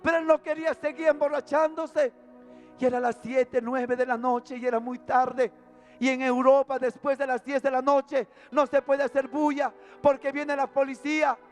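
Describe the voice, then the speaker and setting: High-voiced man preaching fervently. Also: flat delivery, moderate pace, faint music behind. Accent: Peruvian Spanish. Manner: fervent, emotional preaching with repeated phrases. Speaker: preacher giving a testimony. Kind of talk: testimony sermon. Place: church service.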